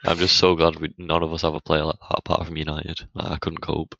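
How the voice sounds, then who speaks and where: A man's voice: a bass voice, completely flat delivery, fairly quick, a bit bright, dry recording, highs cut off. A man on a football podcast, blunt and scornful. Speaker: podcast co-host. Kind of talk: casual chat.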